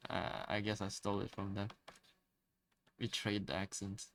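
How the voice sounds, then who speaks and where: A young Malaysian man, a native Chinese speaker with a Malaysian English accent, rambles casually while drawing on stream, full of fillers and restarts. His lowish voice has vocal fry and a slightly bright tone, with fairly even intonation at a moderate pace, and a little hiss or hum is audible.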